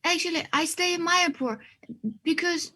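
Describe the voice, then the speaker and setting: High-voiced woman from China, hesitant. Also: normal speed, sharp tone. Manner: hesitant, polite. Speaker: student asking a question. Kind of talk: class Q&A.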